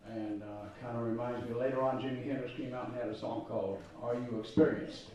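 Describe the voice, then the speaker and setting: A middle-aged man telling students relaxed, rambling stories in a spoken school presentation. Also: mid-range voice, fairly quick. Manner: relaxed, rambling storytelling with fillers. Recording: dull echoey room from far off.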